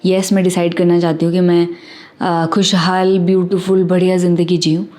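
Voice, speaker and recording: Indian woman vlogging, mellow warm voice, earnest and thoughtful, mixes in english words. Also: fairly low pitch, flat delivery, normal speed. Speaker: self-help vlogger. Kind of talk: reflective casual talk to camera.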